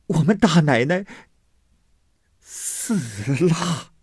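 A panicky old maidservant wails her news in a high, strained voice, as a male storyteller puts her on. The voice climbs well above a man's usual register, husky and slow, with a close, dry sound. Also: expressive, no room sound, full character voice. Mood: panicked. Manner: frantic, wailing, high-pitched. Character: flustered old female servant, panicky and blunt.

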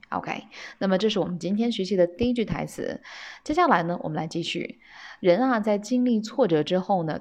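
A woman hosting a spoken English lesson. She often asks her listeners questions and slows down to read the English lines. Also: lowish voice, darkish tone. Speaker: English teacher, podcast host.

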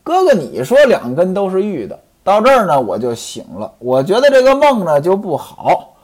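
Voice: medium pitch, wildly swooping pitch, normal speed, a little mellow. A storyteller voicing a sly, talkative middle-aged man recounting a bad dream to his friend. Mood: uneasy. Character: sly middle-aged male hanger-on, chatty.

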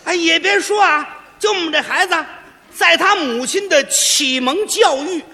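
A man performing crosstalk comedy on stage, boastful and quick with retorts. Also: very high-pitched, bright, forceful tone. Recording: long hall reverb.

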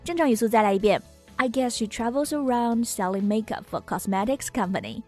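A woman's voice: fairly high pitch, expressive, warm tone, soft background music. Upbeat woman teaching English. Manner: clear, upbeat explanations with slow model readings. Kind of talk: short English lesson.

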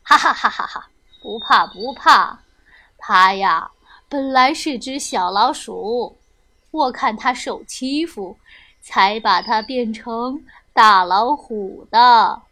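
A woman voicing a kindly old magic grandfather in a children's story, speaking slowly and calmly. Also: on the high side, voice pushed down, heavily acted. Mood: reassuring. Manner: slow, calm, chuckling.

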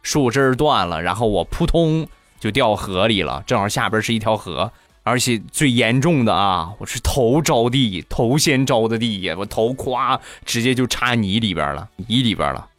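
A man hosting a comic storytelling podcast in a mid-range voice. He tells each funny story with lively energy and acts out the characters as he goes. The sound is dry and close, with faint music underneath. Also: medium pitch, moderate pace, no echo. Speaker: comedy podcast host.

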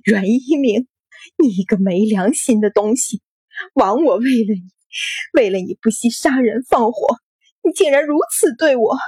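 A jealous noble wife in shrill, tearful outbursts, as a woman reader puts her on. The voice is husky and dry, in an audiobook story. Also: expressive, normal speed, dark tone, no room sound. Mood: furious. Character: jealous furious noble wife, middle-aged.

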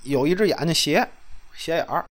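Lively storytelling man, slightly high voice. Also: normal speed. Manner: animated, laughing, swings loud and soft, coarse slang. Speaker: storyteller host. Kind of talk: casual storytelling chat.

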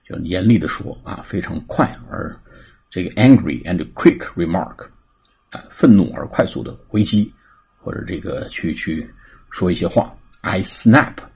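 Deep, husky man teaching English. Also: dark tone. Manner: slow, deliberate drilling of English phrases; frequent filler sounds between phrases. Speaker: English teacher and podcast host. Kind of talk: repeat-after-me English lesson.

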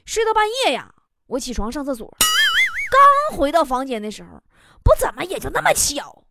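A young woman with a Northeastern Chinese accent doing a chatty stand-up monologue on stage, telling stories with lively exclamations. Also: sits high, fairly quick, gravelly, very noisy. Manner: chatty, animated storytelling with exclamations. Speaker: stand-up comedian. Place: stage before a live audience. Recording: loud audience laughter.

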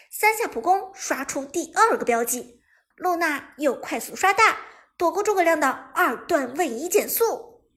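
A woman reading a web novel aloud as narrator, in lively storytelling that breaks into fast, shouted game commentary. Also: sits high. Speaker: audiobook narrator.

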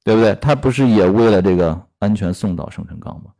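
Lively storytelling man with a low voice. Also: fast talker, vocal fry. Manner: lively, frequent "啊" fillers, rhetorical questions. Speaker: storyteller and commentator. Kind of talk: storytelling with workplace commentary.

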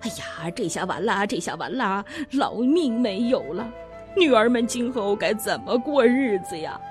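Woman doing a hushed, worried old father. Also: a little high, animated, unhurried, over music. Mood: anxious. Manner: sighing, soft and hushed.

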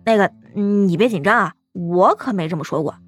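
A woman's voice: mid-range voice, fairly quick, husky, soft background music, close to an everyday voice. A woman voicing a pleading, fawning male talking cat who craves beer, in an audiobook. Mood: coaxing. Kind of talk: audiobook role-play.

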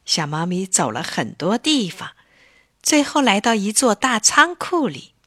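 一位女士以富有表现力、从容的语气讲述儿童故事。. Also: female voice, medium pitch, slightly rough, dry recording, studio quality. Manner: expressive, deliberate. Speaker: storyteller. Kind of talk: children's story narration.

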